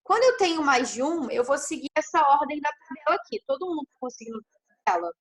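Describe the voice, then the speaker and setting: A woman's voice: sits high, very animated, fast. A woman teaching an English grammar class online over a video call, explaining step by step and checking in with frequent tag questions.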